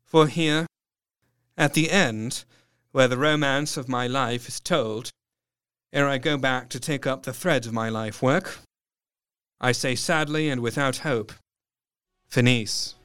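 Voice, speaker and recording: An actor playing a melancholy Victorian doctor, narrating his diary in measured, literary phrases for a radio play. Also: medium pitch, fairly bright tone, clear, resonant tone, dry recording, studio quality. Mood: sad, resigned. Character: melancholy male doctor, sober Victorian diarist.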